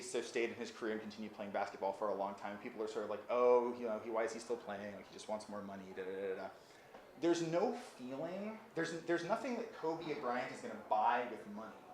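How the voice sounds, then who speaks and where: A man giving a casual live conference talk, rambling with lots of fillers and animated retellings. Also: mid-range voice. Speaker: conference speaker. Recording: very echoey hall with faint noise.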